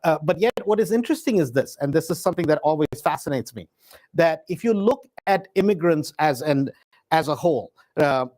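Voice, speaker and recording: A man's voice: a little high, expressive, fairly quick, a little mellow. A middle-aged man who grew up in India, hosting a live real estate investing webinar in a stop-start way, with many "uh"s and emphatic repeated words. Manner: filler-heavy, stop-start delivery with many "uh"s.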